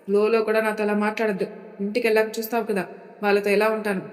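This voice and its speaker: A woman's voice: medium pitch, little pitch movement, fast, close to an everyday voice. A woman voicing a bossy young husband who gives curt orders. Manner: curt, authoritative. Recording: reverberant room.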